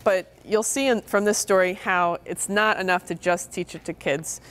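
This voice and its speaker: A woman's voice: lowish voice, moderate pace, fairly bright tone. A middle-aged woman giving a public lecture to parents on child safety, earnest and stressing key words by repeating them. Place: meeting room with audience.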